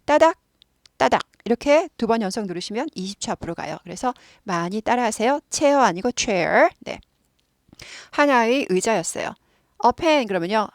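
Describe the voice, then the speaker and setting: A woman's voice: on the high side, dry recording, clean studio sound. A woman teaching an English lesson, explaining patiently and repeating words many times for learners to copy.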